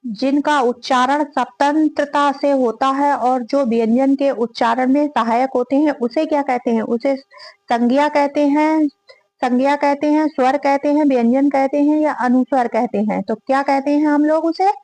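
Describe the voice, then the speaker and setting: A woman with a high, bright voice talks through exam-prep quiz questions like a teacher. She reads each question and repeats the options aloud before naming the answer. The sound is dry and close, with almost no room echo. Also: steady tone, moderate pace. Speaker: Hindi grammar teacher.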